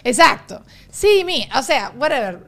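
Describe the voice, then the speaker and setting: A woman's voice: sits high, big pitch swings, measured pace, a bit bright. A woman with a Venezuelan accent hosting a podcast, chatting casually and laughing easily. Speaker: podcast host.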